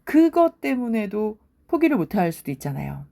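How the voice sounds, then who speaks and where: A woman's voice: medium pitch, very animated, moderate pace, creaky, dark tone. A woman talking casually and reflectively about a TV drama, musing aloud as she goes. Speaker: drama reviewer. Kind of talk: casual commentary.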